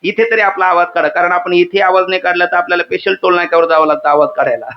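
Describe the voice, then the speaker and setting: A kirtan preacher with a high-sitting voice, fairly even intonation and quick pace gives a devotional sermon in a hall before a live audience. He recites verses, quizzes listeners, has them repeat words and jokes with them, all in dull lo-fi sound.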